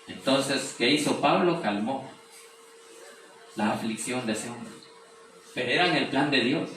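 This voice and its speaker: A man's voice: medium pitch, expressive, unhurried, a bit bright. A man preaching a sermon, explaining scripture, reading verses aloud and asking rhetorical questions. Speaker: pastor. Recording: very echoey room, distant mic, faint noise.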